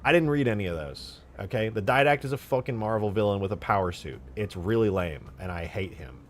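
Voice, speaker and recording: A young man streaming from home, ranting in casual chat, swinging from mutters to loud outbursts and cursing a lot. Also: on the low side, animated, brisk, a little hiss or hum.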